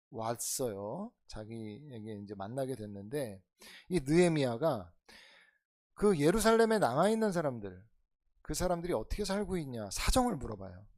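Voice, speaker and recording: 교회에서 강해설교를 하는 남자 목사로, 청중에게 질문을 던지며 대화하듯 설교하고, 크게 강조하다가 낮게 속삭이듯 말하기를 오간다. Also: male voice, expressive, moderate pace. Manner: conversational preaching with rhetorical questions to the congregation; swings between loud emphatic lines and soft low asides. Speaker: pastor. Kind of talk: expository sermon.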